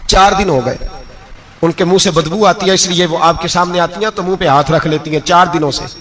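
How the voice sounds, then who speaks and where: A man's voice: high voice, fairly even intonation, brisk, fairly bright tone. A preacher voicing a tearful wife telling of her hungry daughters. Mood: grieved. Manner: grieved and tearful.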